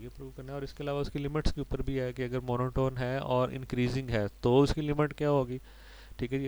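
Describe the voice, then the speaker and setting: In this low-quality recording of a maths lecture, a man with a mid-range, slightly mellow voice patiently explains each step. He mixes in English terms, checks in with his students, and often adds "ठीक है जी".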